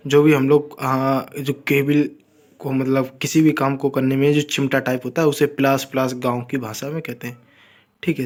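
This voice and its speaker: Man drilling English words slowly. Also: on the high side. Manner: addresses viewers as friends, informal. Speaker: English teacher. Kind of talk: casual spoken lesson.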